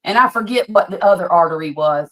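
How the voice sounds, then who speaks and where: A woman's voice: fairly low pitch, lively intonation, fast talker. A woman, hosting a casual chat and telling stories chattily. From US Gulf Coast. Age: 50s. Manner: chatty storyteller, acts out quoted voices. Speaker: host.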